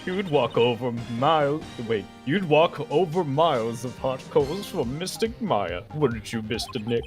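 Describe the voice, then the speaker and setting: A man's voice: mid-range voice, animated, a little slow, close to an everyday voice. Naive, earnest little girl for a game male performer, medium register, light background music. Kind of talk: amateur voice-over of a video game.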